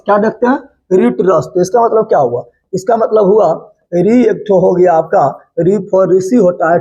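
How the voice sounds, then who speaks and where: A man's voice: high voice, dark tone. Just a guy teaching grammar, chants the rhyme, asks the class questions again and again. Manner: repeats and quizzes students with questions. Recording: dull lo-fi recording.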